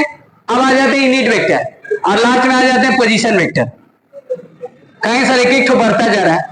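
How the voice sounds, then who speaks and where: High-voiced man lecturing in an echoey classroom. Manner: scolding and joking with students, repeated check-ins. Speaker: math teacher. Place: classroom with students. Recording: echoey classroom with student chatter.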